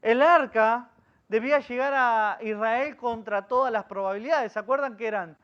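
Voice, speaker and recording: Argentine pastor teaching with lively questions. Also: male voice, very high-pitched, normal speed, highs cut off. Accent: Argentine Spanish. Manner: lively storyteller who quizzes his listeners. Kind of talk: Bible study teaching.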